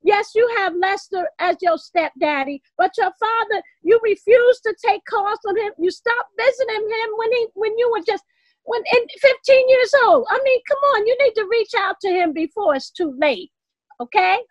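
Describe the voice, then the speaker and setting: A woman's voice: very high-pitched, animated, moderate pace, dry recording. A woman playing a mother urging her daughter, speaking in a coaxing but firm way. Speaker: church skit actor. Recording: dry, dull lo-fi sound.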